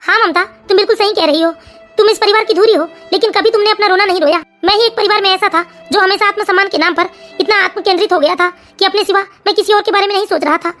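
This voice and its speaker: A proud, stubborn older father, a retired clerk in an animated family tale, voiced by a woman. He talks fast in a very high voice, earnest and a little puzzled by his family. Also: soft background music. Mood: remorseful. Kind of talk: cartoon family story voice acting.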